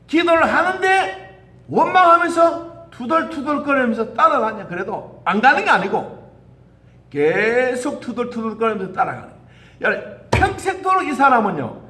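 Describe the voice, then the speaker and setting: A male pastor preaching a lively sermon, acting out quoted voices and leading the congregation in call-and-response. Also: very high-pitched, normal speed. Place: church sanctuary. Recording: echoey church hall.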